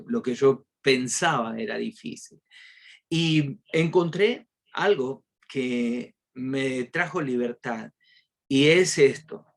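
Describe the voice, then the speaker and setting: A man preaching a devotional sermon in a reflective, halting way, with many hesitations. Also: medium pitch.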